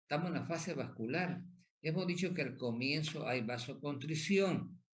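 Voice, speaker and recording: A man's voice: a little high, normal speed. A man giving a lecture who asks questions and answers them himself, repeats key points and keeps checking in with tag questions. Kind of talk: pathophysiology lecture.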